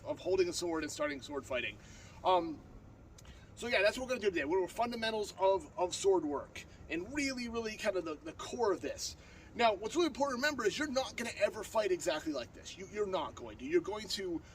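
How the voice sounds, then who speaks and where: A man in his thirties, stuffed up from a cold, teaches sword basics on a backyard lawn in a high, slightly bright voice. He talks fast, plainly and earnestly, with frequent fillers and restarts. A far tripod camera captures him along with outdoor noise.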